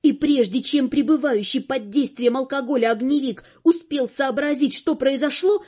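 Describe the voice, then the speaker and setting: Woman narrating an audiobook, expressive and wry, high mellow voice. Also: moderate pace, slightly rough, lo-fi sound. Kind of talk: scripted narration.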